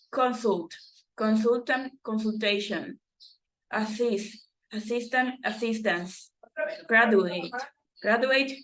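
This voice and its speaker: Slow, halting woman reading a textbook. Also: a little high, fairly bright tone, low-quality recording. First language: Spanish. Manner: halting, self-correcting reading with restarts. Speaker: student reading textbook exercises.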